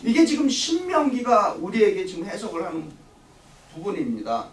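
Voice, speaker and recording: A man's voice: high-pitched, huge pitch swings, moderate pace. A middle-aged man leading a church Bible study, lecturing and firing questions at the class before answering them himself. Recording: echoey room, voice from a distance.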